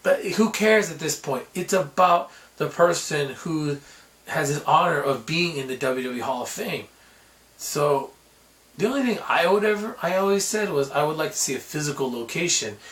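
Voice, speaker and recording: A man's voice: on the high side, expressive, moderate pace, a bit bright, echoey room. A man vlogging casually and giving opinionated, chatty talk straight to his viewers.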